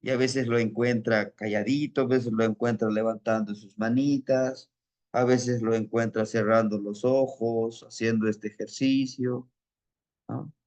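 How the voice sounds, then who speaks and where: A man telling a spiritual teaching story in a calm, reflective way. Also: mid-range voice, a little slow.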